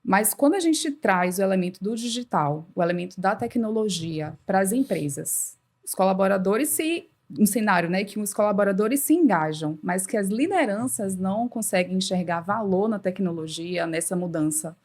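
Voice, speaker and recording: A woman's voice: medium pitch, animated, normal speed, darkish tone. Brazilian woman hosting a podcast. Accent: Brazilian Portuguese. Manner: affirming, asks follow-up questions. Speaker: podcast host. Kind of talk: conversational interview.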